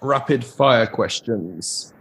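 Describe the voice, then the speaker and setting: A man hosting a casual interview podcast, with a husky voice whose pitch moves around a lot. He keeps his responses short and friendly. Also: expressive, slow, fairly bright tone. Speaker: podcast host.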